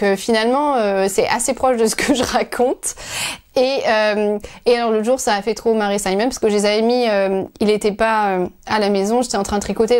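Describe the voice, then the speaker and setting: A woman hosting a knitting podcast, talking to her viewers as if to friends. Her talk wanders, full of pauses and restarts. She sounds relaxed and unscripted, speaking from home. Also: medium pitch. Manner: rambling, full of hesitations and restarts. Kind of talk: casual chat to viewers.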